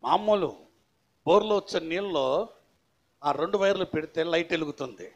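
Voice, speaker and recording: A pastor preaching a sermon, quizzing his congregation with questions and swinging between raised, declaiming passages and low, conversational asides. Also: normal speed.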